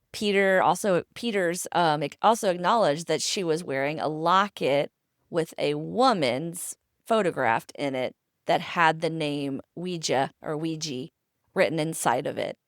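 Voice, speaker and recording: A woman's voice: low voice, a little slow, no echo, clean studio sound. A woman podcast host casually telling a history story in a chatty, conversational way, with asides.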